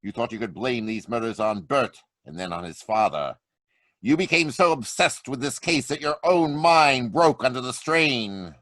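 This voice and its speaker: A man playing a confident crime-solving hero in a radio drama, theatrical and slow when he menaces. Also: medium pitch, sing-song, fairly bright tone, dry recording. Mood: menacing. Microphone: home mic over video call.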